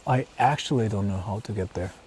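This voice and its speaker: A man from Japan, native in Japanese, livestreams outdoors while walking in the countryside, chatting casually with repetition, thinking aloud, exclamations and casual swearing. He talks fairly quickly in a fairly low, darkish voice. Vehicle sounds make the stream noisy.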